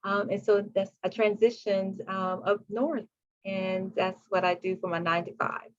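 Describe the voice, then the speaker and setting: A woman's voice: medium pitch, fairly even intonation, normal speed, dry recording, highs cut off. A middle-aged woman from Virginia giving an informal self-introduction as a guest speaker. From Virginia, United States.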